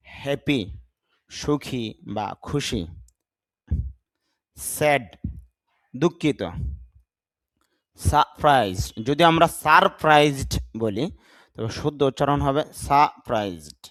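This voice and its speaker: Slow, deliberate male language teacher. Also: fairly high pitch, no echo. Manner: slow, deliberate, repeats words and spells them out. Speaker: English teacher. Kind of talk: vocabulary lesson with pronunciation drills.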